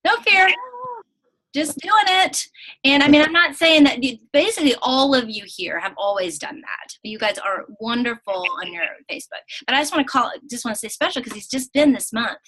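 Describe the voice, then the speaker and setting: Bright-voiced encouraging woman coach. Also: fairly high pitch, animated, a little fast, hardly any pauses, low-quality recording. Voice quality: upbeat, encouraging, chatty. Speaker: team coach leading a group call. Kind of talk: casual online team call.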